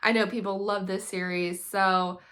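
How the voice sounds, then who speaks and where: Bright-voiced enthusiastic woman chatting books. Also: mid-range voice, little pitch movement, normal speed. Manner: enthusiastic, chatty, frequent ums. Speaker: homeschool book vlogger. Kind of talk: casual book haul chat.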